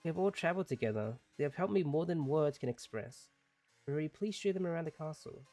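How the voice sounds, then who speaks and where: A man reading as a gentle young prince. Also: on the high side, animated, brisk, no room sound, soft background music. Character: young gentle male prince, kind and polite.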